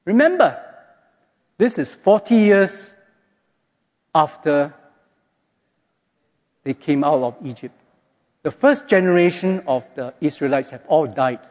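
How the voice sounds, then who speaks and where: Man, preacher, animated storyteller, raised pitch, echoey muffled hall. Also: slow pace, pauses often. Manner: animated storytelling, acts out quotes. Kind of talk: sermon with scripture reading.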